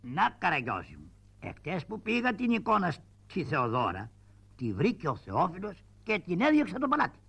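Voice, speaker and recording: A man voicing a fussy, fearful male town crier puppet in a shadow-puppet play, calling out in drawn-out sing-song. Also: high voice, wildly swooping pitch, creaky, a bit bright, breathy edge, exaggerated voice. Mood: fretful. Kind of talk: shadow-puppet theatre acting.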